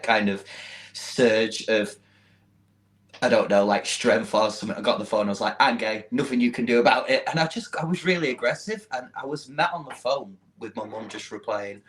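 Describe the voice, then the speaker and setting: A man's voice: on the low side, low-quality recording. A young man from Manchester with a Mancunian accent, chatting casually as a podcast guest and often laughing at himself. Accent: Mancunian English. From Manchester, England. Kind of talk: casual chat.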